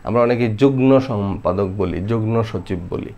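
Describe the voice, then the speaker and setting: A male primary school teacher from Bangladesh, explaining Bangla spelling rules in a conversational way, repeating example words slowly and asking rhetorical questions. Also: fairly low pitch, gravelly, dark tone.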